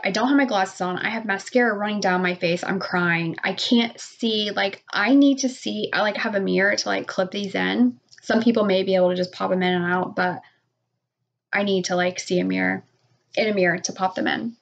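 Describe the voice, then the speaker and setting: A woman's voice: mid-range voice, moderate pace, gravelly. A middle-aged woman telling a story in a casual vlog, rambling and saying "like" a lot. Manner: rambling, heavy use of "like", animated retelling. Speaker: vlogger.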